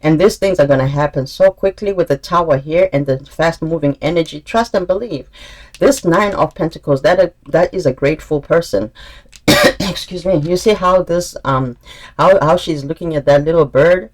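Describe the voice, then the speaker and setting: A man's voice: on the high side, moderate pace. A man giving an intuitive tarot reading straight to his viewers, earnest and encouraging, often repeating himself and restarting as he reads the cards. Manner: earnest, encouraging, spiritual advice in direct address; casual, calls listeners "honey". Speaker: tarot reader.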